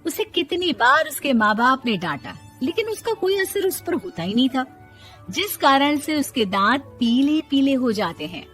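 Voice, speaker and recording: Woman narrator, high voice, bright, animated storytelling. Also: a little slow, faint music behind.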